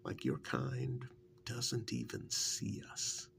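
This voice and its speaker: This is a man's ASMR role-play: he takes on an embittered ex-captive turned devoted male partner, speaking in a soft, breathy, frequently half-whispered monologue. The delivery rambles and confides, unhurried and heavily acted, with big swings in pitch and a bitter, aggrieved mood. Low rumbling noise is faintly audible behind him.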